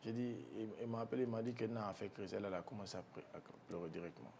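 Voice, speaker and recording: A man tells a painful family story to an interviewer. He speaks softly and haltingly, often restarting his sentences. His voice drops low in the heaviest parts, and a faint rumble sits under the recording. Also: creaky. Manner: soft-spoken, halting with restarts, low when recalling grief. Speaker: guest.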